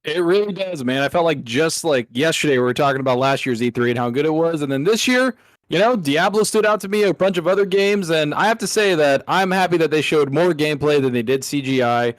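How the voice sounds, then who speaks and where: A man co-hosting a gaming podcast in casual chat, sharing loud, excited opinions through a microphone that clips and distorts. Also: a little high, brisk, no echo. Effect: clipping, distorted microphone. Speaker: podcast co-host.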